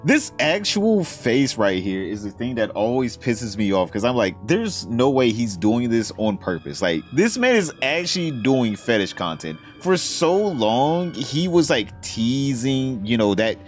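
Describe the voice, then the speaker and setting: A man's voice: mid-range voice, big pitch swings, measured pace, hardly any pauses, soft background music. A man hosting a podcast, reacting to clips with crude, sarcastic mockery. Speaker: podcast host. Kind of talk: reaction commentary.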